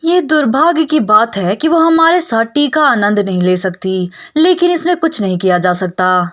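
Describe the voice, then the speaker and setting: A woman voicing a clueless young nobleman in a storybook-style recap, reading his lines a little lower than her narration. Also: expressive, normal speed, fairly bright tone. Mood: oblivious.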